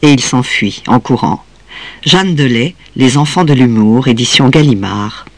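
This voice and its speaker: A man reading a children's story aloud in an expressive, measured way. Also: mid-range voice, no room sound. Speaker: reader.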